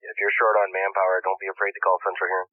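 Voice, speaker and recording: A male firefighter makes brisk, businesslike reports to dispatch over a two-way radio. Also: low voice, completely flat delivery, no room sound. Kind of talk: fire service radio reports. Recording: noisy narrow-band two-way radio, clicks.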